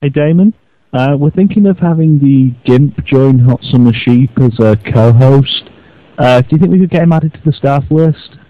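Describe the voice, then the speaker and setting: In a muffled, very dry internet voicemail, a man with a mid-range voice leaves a casual, rambling phone message. He speaks at a moderate pace, sounding hesitant and mock-earnest.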